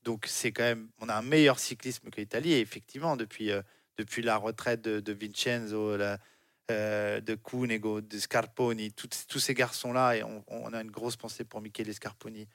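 A man's voice: lowish voice, steady tone, moderate pace, fairly bright tone, no echo, clean studio sound. Emphatic male cycling pundit. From France. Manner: emphatic, repeats words. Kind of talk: radio sports talk.

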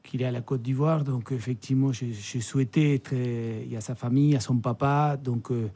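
A man from Argentina, a player agent, speaking as a guest on sports radio, measured and hesitant with fillers. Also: mid-range voice, steady tone, mellow. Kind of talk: casual radio chat.

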